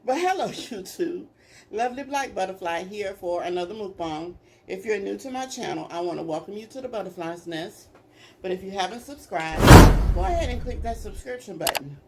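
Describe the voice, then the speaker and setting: A woman's voice: medium pitch, expressive, brisk, darkish tone, a little hiss or hum. A woman hosting her own eating video, chatting casually and directly to her viewers. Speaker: mukbang vlogger. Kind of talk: casual chat to camera.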